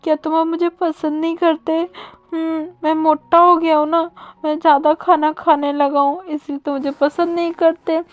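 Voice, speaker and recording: A high, whiny young husband, clingy and quick to sulk, pleading in a tearful storybook voice, as a woman narrator puts him on. The sound is dull and dry, with faint music underneath. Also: level tone, no echo.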